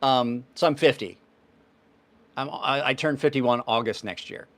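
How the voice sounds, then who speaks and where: Speaking unhurriedly at a medium pitch, this fifties-aged knife channel host chats casually on a livestream, fielding viewer questions in an offhand, rambling style.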